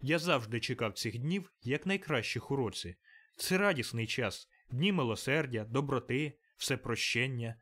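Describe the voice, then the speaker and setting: A man voicing a cheerful, warm-hearted young nephew who speaks up high and eagerly. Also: animated, normal speed. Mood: eager, pleading. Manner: bright, eager, raised voice.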